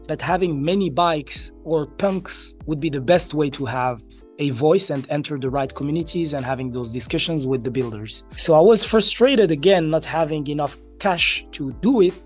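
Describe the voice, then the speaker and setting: This man, a crypto entrepreneur from Marrakesh in Morocco, is an interview guest who tells stories conversationally and acts out snippets of dialogue. He has a mid-range, slightly mellow voice.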